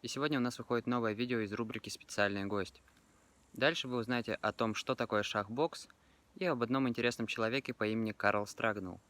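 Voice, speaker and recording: A man's voice: mid-range voice, steady tone, fast, fairly bright tone. A man hosting a channel, delivering a scripted, announcer-like welcome and introduction. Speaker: channel host. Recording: dull lo-fi sound.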